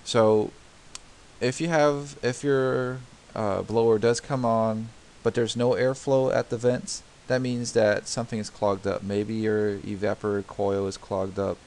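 A man narrates an unscripted, screen-recorded home repair tutorial over a diagram, working step by step through plenty of fillers and restarts. His voice is fairly low and darkish, level in tone and unhurried.

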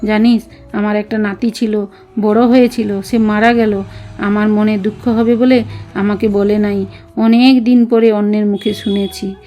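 A woman reading the words of an elderly male guru, tender and wistful, in a gentle, confiding way. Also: medium pitch, little pitch movement, measured pace, faint music behind, lightly acted. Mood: rueful.

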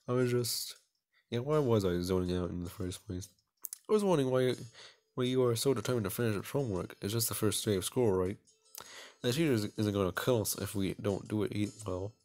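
A man with a fairly low, darkish voice, talking a little fast, hosts a let's play where he reads aloud and comments casually, often stumbling over the words and mocking himself for it.

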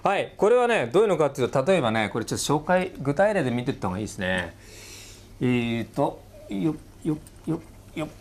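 Middle-aged man, casual video-lecture teacher, animated pitch, mid-range voice, checks understanding often. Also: slight background noise. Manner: sounds words out slowly, stretching and repeating them. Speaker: English teacher.

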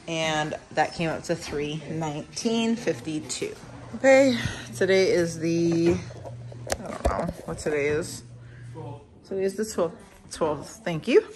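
A woman in her thirties, a mother and vlogger, casually listing her grocery haul item by item with frequent ums. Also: deep voice. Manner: lists items slowly with frequent ums. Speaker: vlogger, mother of a large family. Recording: noisy home recording. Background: kids in the background.

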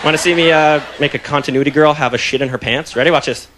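High-voiced stand-up comedian. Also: male voice, quick pace, heavy background noise. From Canada. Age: young adult. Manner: loud, animated and mocking. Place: comedy club stage. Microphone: stage mic. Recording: live club with loud crowd laughter.

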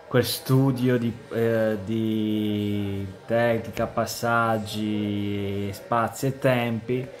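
Guy in his 20s chatting through a football match, slow and hesitant, lots of pauses, bit of background noise. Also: medium pitch. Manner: halting, hesitant delivery with long pauses. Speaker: amateur football commentator. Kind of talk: casual football match analysis. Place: indoors, room with bookshelves.

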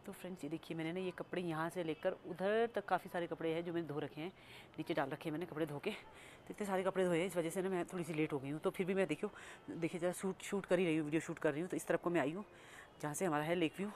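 A fairly low, darkish female voice moves fast at a steady tone, with a little hiss or hum in the audio. She's a family vlogger narrating casually at home and outdoors on her phone camera, rambling chattily and scolding along the way.

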